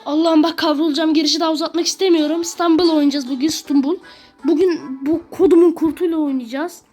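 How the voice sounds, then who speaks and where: A woman's voice: sits high, fairly even intonation, quick pace, a little mellow, soft background music. A woman ranting and swearing through gameplay commentary in a small bedroom at home. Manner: irritable, swears constantly, rants at the game. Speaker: gaming video creator.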